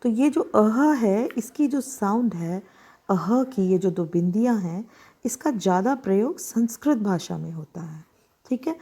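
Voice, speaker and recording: A woman teaching children how to write vowels, speaking slowly and deliberately, drawing out each sound and checking that they follow. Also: medium pitch, mellow. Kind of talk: slow, patient handwriting lesson for children.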